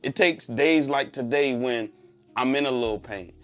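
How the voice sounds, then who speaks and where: Male motivational preacher, mid-pitched, slightly congested, insistent repeated phrases and rhetorical questions, music underneath. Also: moderate pace. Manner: emphatic repetition and rhetorical questions. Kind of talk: motivational speech, faith testimony.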